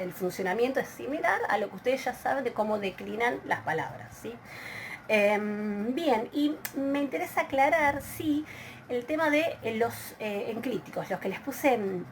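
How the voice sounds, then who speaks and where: A woman's voice: medium pitch, slight background noise. A woman with an Argentine Spanish accent teaching a recorded video lesson, explaining step by step with frequent filler hesitations and restarts. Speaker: Greek language teacher.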